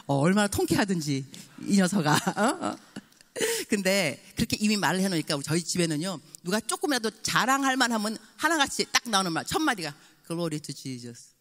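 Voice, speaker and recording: A woman in her sixties preaching a revival sermon as a guest pastor, lively and acting out little dialogues. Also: medium pitch, a little fast, long reverb tail. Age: 60s. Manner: animated, mixes in English phrases and acts out dialogue. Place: church sanctuary.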